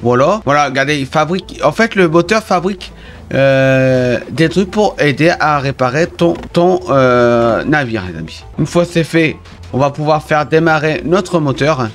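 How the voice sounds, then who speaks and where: A man giving casual gameplay commentary as a YouTuber, excitable, swinging between grumbling at the game and cheerful explaining to his viewers. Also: a little high, measured pace, soft background music. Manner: keeps addressing viewers as friends. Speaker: gaming YouTuber.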